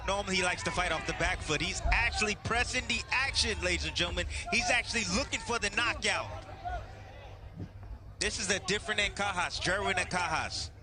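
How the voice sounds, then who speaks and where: A man's voice: high voice, brisk, over music. A man giving conversational boxing analysis as an ex-fighter, repeating phrases for emphasis.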